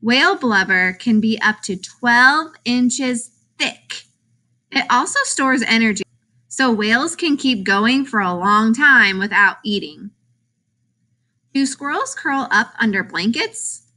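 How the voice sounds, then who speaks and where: Reading a picture book for children like a teacher, a woman leans expressively into each question and answer. Her voice sits a little high, and she reads slowly.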